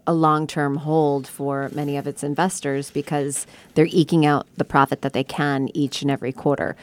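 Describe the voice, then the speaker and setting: A woman's voice: sits low, a little mellow. A woman co-hosting a finance talk show, talking through her reasoning step by step in a conversational way. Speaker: co-host of a personal finance show. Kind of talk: conversational commentary.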